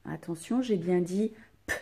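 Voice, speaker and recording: A woman's voice: lowish voice, measured pace, gravelly, mellow, breathy edge. A woman teacher giving a dictation to young children, spelling out letters and sounds and stressing each syllable.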